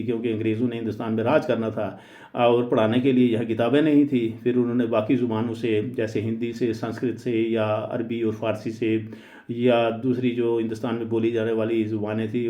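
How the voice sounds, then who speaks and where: A man teaching in a deliberate lecture, pausing often on "uh" and mixing English phrases into his speech. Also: medium pitch. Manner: deliberate, hesitant with frequent "uh" fillers. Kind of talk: explanatory lecture. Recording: roomy, dull lo-fi recording.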